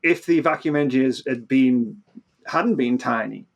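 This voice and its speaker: Here the physicist guest speaks at a moderate pace and medium pitch, with vocal fry, and the audio sounds dull. He's animated as he explains, frequently stammering and restarting the beginnings of phrases.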